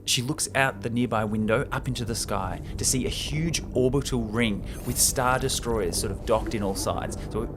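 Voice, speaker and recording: Speaking at medium pitch and a moderate pace with few pauses, a man hosting a podcast recounts a film's script. He's eager and conversational, joking with his co-host, while loud music sits behind his voice.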